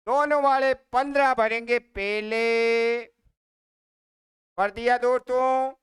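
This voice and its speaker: Male maths teacher, exam-prep lecture, slow delivery, dry close recording, answers his own questions. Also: extremely high pitch, a bit bright, clean tone, no room sound. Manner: repeats questions, answers himself.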